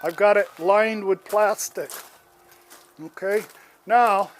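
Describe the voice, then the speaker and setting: Outdoors with a handheld phone, a homeowner in his seventies walks and films a casual vlog griping about his yard. His high voice moves slowly with fairly even intonation, and he rambles and restarts in homespun fashion over slight background noise.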